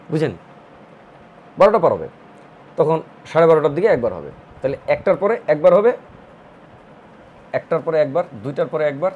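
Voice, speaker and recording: Lively math teacher. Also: male voice, on the high side, slight background noise. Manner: explains step by step, repeating counts in rhythmic lists. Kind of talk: online admission-prep math lesson.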